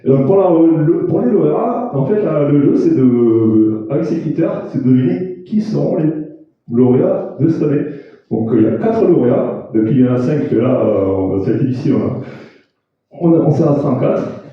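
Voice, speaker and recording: A man's voice: on the high side, expressive, moderate pace. Rambling man presenting in an echoey hall. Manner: rambling, self-mocking, many restarts and fillers. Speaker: presenter at a data visualization awards event. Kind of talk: casual live presentation with jokes. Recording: echoey room from far off, dull sound.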